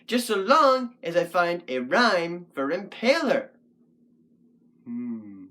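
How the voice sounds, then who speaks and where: Goofy shaggy wolf puppet host, as a puppeteer plays it, rambling think-aloud delivery, middle pitch, bouncy intonation, puppet vlog. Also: takes it slowly, exaggerated voice. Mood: playful musing. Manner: rambling, thinks out loud, lively.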